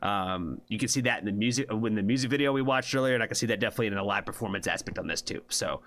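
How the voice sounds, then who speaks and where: A man with a lowish, slightly bright voice talks rapid-fire while hosting a music reaction livestream. He's laid-back and rambling, swearing freely, packing in fillers, and often asking "you know what I mean?" It's casual livestream chat.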